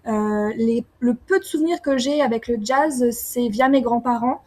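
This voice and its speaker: A young woman from France answering interview questions casually, often pausing with fillers and restarting her sentences. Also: on the high side, a little mellow. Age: young adult. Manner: hesitant, many fillers and restarts. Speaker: singer-songwriter guest.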